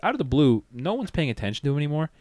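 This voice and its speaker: A man's voice: a little high, sing-song, rapid-fire, darkish tone, no echo. A man in his twenties co-hosting a podcast, joking crudely, swearing and laughing often. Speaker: podcast co-host. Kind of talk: crude casual banter.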